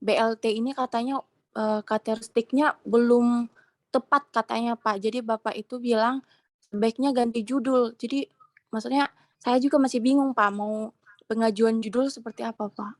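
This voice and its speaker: A woman's voice: fairly high pitch, fairly even intonation, moderate pace. A woman, a student, politely and hesitantly asking her lecturer a question on a call. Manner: polite, hesitant, many fillers.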